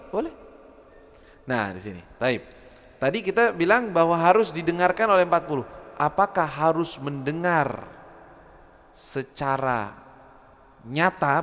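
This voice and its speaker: A man giving a lively religious study lecture, acting out quotes and mumbling preachers. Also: fairly high pitch, big-room sound. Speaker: religious teacher.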